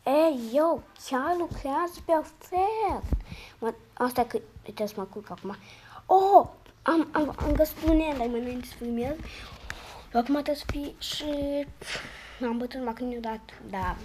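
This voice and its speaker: A hoarse woman chats her way through a game, her voice sitting a little high. She drifts from mumbled asides to excited yelps, peppering her talk with slang. A faint hiss runs underneath. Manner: excitable, slangy, sudden loud outbursts and muttered asides. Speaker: gamer. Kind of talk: casual gameplay commentary.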